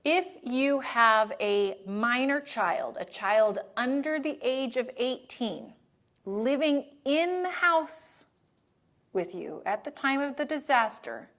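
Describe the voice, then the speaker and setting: In a slightly high, somewhat bright voice with lively intonation, a woman presents a disaster assistance training at a measured pace. Her manner is conversational, punctuated by check-ins like "right?" and "okay?"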